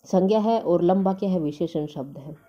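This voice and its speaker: Reading out every option before saying whether it's correct, a woman Hindi teacher walks through the answers to an exam. Her voice sits on the low side at a moderate pace, and the recording is muffled.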